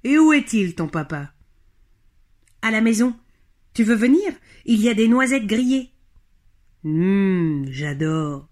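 Une femme qui fait la voix d'un gros bison mâle bienveillant et amusé, à la grosse voix, sur fond de musique. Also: female voice, medium pitch, big pitch swings, slow pace, long pauses, darkish tone. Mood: amused. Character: big, good-natured male bison with a deep voice. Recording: music playing behind.

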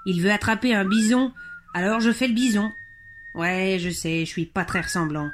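Une femme qui fait la voix d'un ver de terre mâle timide et sceptique, qui hésite en parlant, sur fond de musique. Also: female voice, mid-range voice, moderate pace, noisy background, close to an everyday voice. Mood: doubtful. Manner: hesitant, mumbling with "euh". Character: timid, doubtful male earthworm friend. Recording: music playing behind.

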